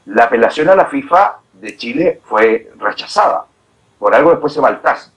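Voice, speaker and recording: A man, a veteran journalist on a football panel, giving his point of view in a measured, fact-based way. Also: mid-range voice, lively intonation, poor audio. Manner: measured, asks to speak, argues from facts. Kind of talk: heated football debate.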